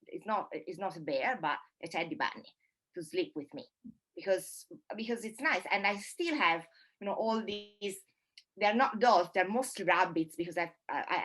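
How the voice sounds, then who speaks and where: A woman moderating an online panel discussion over a video call, speaking thoughtfully and haltingly with many fillers. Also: lowish voice, a bit bright.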